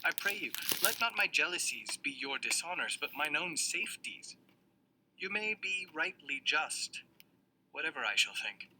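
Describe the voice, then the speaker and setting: An actor playing a guarded young male prince, delivering classical verse in a measured, solemn way. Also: a little high, big pitch swings, pushed and bright, full character voice. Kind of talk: classical stage verse reading. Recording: noisy old audio recording.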